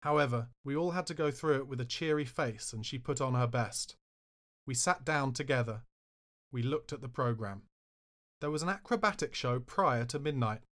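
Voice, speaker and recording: A man's voice: medium pitch, normal speed, a bit bright. Wry man reading his memoir. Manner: wry, self-mocking storytelling with sudden outbursts. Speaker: author narrating his memoir. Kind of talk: memoir audiobook narration.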